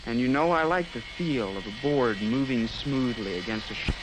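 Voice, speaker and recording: A man's voice: medium pitch, moderate pace, natural voice. An actor playing a sincere teenage craftsman, narrating his thoughts in a reflective 1950s educational film voice-over. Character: earnest teenage schoolboy craftsman musing to himself. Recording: faintly noisy 1950s film soundtrack.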